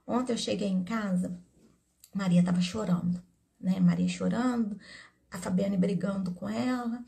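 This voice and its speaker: Gravelly Brazilian woman giving earnest advice. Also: mid-range voice, fairly even intonation, normal speed, dark tone. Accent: Brazilian Portuguese. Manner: earnest, storytelling, addresses viewers directly. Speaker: therapist. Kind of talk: casual advice talk to camera.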